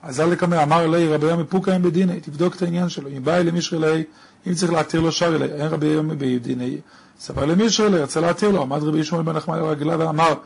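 A man's voice: fairly high pitch, vocal fry, a little mellow, breathy edge. A man giving a daily Talmud lesson, reading the Aramaic text aloud and explaining it line by line. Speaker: Talmud teacher.

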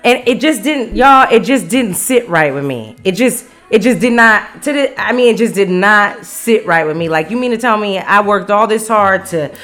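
A woman from the United States tells a casual storytime monologue in her own middle-pitched voice, faint music playing behind her. She is frank and profane, laughs often, and acts out the voices she quotes. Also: animated, moderate pace, few pauses, fairly bright tone. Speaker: storyteller host.

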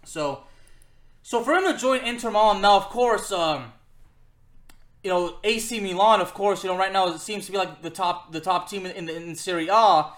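Male football podcaster, high forceful voice, emphatic off-the-cuff opinion, roomy echoing recording. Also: moderate pace. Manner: emphatic, repeats phrases for effect. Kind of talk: unscripted opinionated sports commentary.

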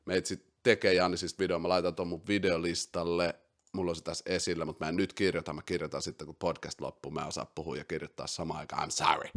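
A man hosting a casual podcast, excitable, swinging between loud outbursts and quiet asides, dropping English slang into his talk. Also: low voice. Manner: mixes English slang into speech. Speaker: podcast host. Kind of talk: casual basketball chat.

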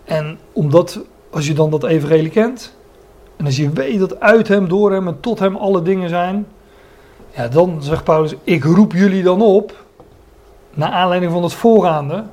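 A man's voice: high voice, normal speed, darkish tone. A man preaching a Bible sermon, often stopping to search for words and restate a phrase, and explaining the meanings of Greek words.

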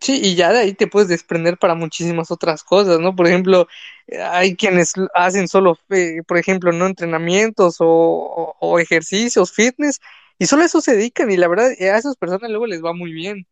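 A young man from Mexico with a high voice speaks fairly quickly in a dry recording. A content creator with a Mexican Spanish accent, he chats casually on a live stream, rambling and full of fillers and restarts.

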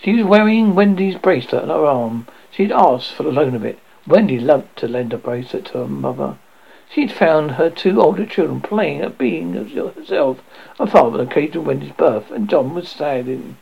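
A man reading a children's novel aloud for radio, expressive, with occasional stumbles and self-corrections. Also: fairly high pitch, normal speed, gravelly, husky, dull audio. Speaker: narrator.

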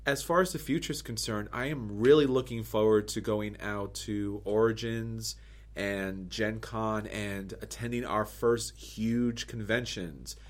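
A man co-hosting a board game podcast, talking earnestly and upbeat, with lively quoted asides. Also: fairly low pitch, unhurried. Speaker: podcast co-host. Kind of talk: casual podcast talk.

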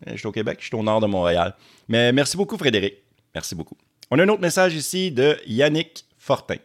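A man's voice: medium pitch, big pitch swings, a little fast. A man from Quebec with a Québécois accent, hosting casually and stammering as he repeats words. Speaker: YouTube host. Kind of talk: casual chat.

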